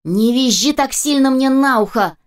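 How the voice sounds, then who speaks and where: A woman's voice: high-pitched, moderate pace, voice pushed up, lightly acted. A woman voicing a grumpy bearded male kidnapper who grumbles and bickers in an audiobook. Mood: grumbling.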